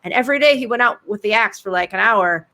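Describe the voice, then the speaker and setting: Picture a woman author hosting a casual chat over a video call. She tells her stories with flair, full of sudden dramatic exclamations and quick asides. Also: medium pitch, sharp tone. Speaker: author interviewing a guest at a bookshop event.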